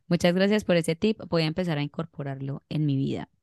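A woman's voice: sits low, normal speed, vocal fry, a little mellow, no echo, clean studio sound. A young woman with a Colombian accent, chatting casually as a podcast co-host, rambling and laughing as she tells stories. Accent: Colombian Spanish. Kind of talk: casual chat.

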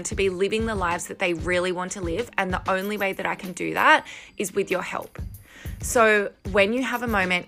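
On her solo podcast, a female host and coach talks to listeners in an earnest, encouraging way, using headphones as her microphone in a room at home. Her voice sits in the mid range with a fairly bright tone.

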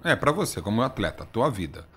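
A middle-aged podcast host from Brazil, telling teasing stories in a casual chat. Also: male voice, fairly low pitch, fairly quick, slightly rough. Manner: lively storyteller, teasing.

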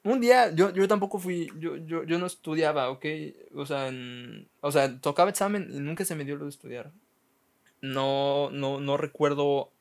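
A man's voice: on the high side, normal speed. Profane Mexican man telling stories. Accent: Mexican Spanish. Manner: profane, self-mocking, stumbling repeats. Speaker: podcast host. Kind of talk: casual comic storytelling.

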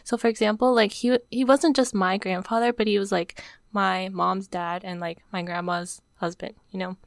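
Teary young woman, soft and dry. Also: medium pitch, fairly even intonation, moderate pace, vocal fry, no echo. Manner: says "like" constantly, emotional and on the verge of tears. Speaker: podcast co-host. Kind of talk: casual chat.

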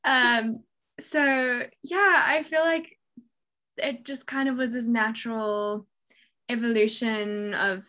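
A young adult woman from South Africa, a guest on a podcast interview, talking in a relaxed, reflective way with many fillers. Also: a little high, slow. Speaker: guest musician.

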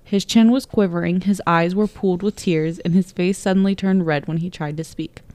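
A woman's voice: on the low side, fairly even intonation, moderate pace, a little mellow, dry recording. A middle-aged woman co-hosting a podcast, chatting bluntly and reading stories aloud, swearing casually and laughing often. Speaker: podcast co-host.

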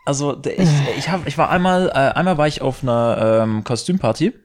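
A man's voice: a little high, expressive, brisk. A young man co-hosting a podcast, chatting casually in a hesitant, rambling way full of fillers, restarts and youth slang. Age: young adult. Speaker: podcast co-host. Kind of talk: casual chat.

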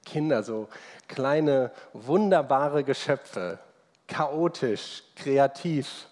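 A man in his thirties gives a sermon at an unhurried, measured pace. His voice has a mid-range pitch and carries long reverb from a church hall. He talks in a conversational, personal way and poses rhetorical questions. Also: expressive, darkish tone. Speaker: pastor. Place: church service.

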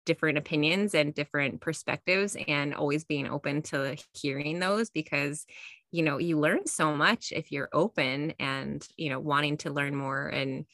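A woman's voice: low voice, moderate pace, a bit bright, no echo, studio quality. A woman co-hosting a podcast in casual, chatty, self-deprecating talk, recorded in a closet on her own podcasting mic. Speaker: podcast co-host. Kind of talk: casual chat. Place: small closet at home.

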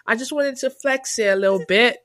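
A woman's voice: on the high side, fairly quick, fairly bright tone. A woman co-hosting a podcast in casual chat, playful and teasing, with mock exasperation. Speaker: podcast co-host.

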